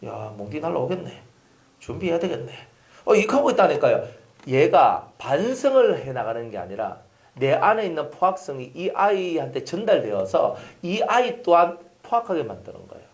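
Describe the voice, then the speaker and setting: A man's voice: fairly high pitch, normal speed. A male pastor preaching a sermon, telling stories and acting out scenes. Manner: animated storytelling, acting out scenes with voices. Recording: echoey hall.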